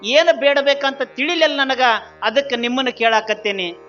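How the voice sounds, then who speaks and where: A tearful old landlord begs again and again in a high, bright voice with a North Karnataka accent, as a male preacher acts him out. His pleas repeat with urgency. Behind him is a slightly dull recording with faint Carnatic music. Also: steady tone, normal speed. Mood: troubled. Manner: pleading, repetitive.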